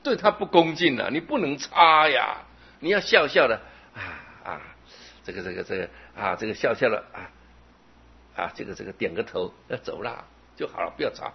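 A gentle old Zen master, as a male preacher puts him on gives smiling, coaxing advice in a lively, husky voice. The recording is dull and lo-fi. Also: medium pitch, normal speed, heavily acted.

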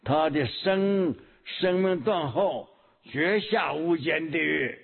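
A man giving a Buddhist sermon, teaching slowly and deliberately, often pausing with a hum and repeating key words. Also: fairly high pitch, creaky, breathy edge. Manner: slow, measured teaching with frequent hums and repetitions. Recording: tinny phone-like lo-fi recording.

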